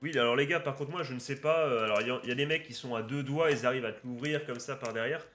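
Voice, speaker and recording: Man, mid pitch, excitable card-opening host, swears a lot, faint music underneath. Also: very fast. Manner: excitable, swears often, chatty with viewers. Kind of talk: casual unboxing commentary. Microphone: webcam setup at a desk.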